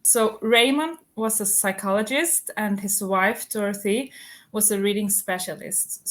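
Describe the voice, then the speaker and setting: A woman in her thirties from Iceland, a homeschooling mother answering interview questions in a measured, methodical way, point by point. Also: mid-range voice. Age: 30s.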